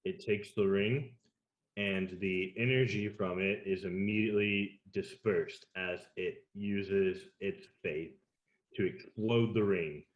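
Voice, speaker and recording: A man narrating as game master of a tabletop role-playing game, calm and dramatic. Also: low voice, slow pace, muffled recording. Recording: roomy echo.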